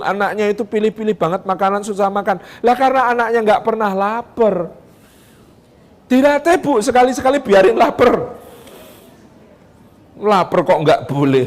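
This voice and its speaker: High-pitched male preacher, chatty and animated sermon delivery. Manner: animated and conversational, acting out examples. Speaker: Islamic preacher. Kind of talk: lively sermon to parents.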